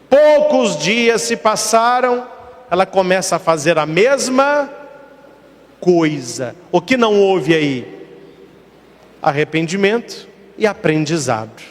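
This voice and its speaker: A man's voice: sits high, big-room sound. A man, a priest giving a sermon with rhetorical questions and emphatic repetition.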